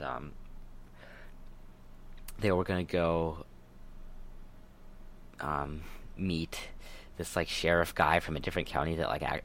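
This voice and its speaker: A man's voice: very deep voice, creaky, fairly bright tone, a little hiss or hum. A young man co-hosting a casual podcast, retelling a news story in a rambling, hesitant way. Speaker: podcast co-host.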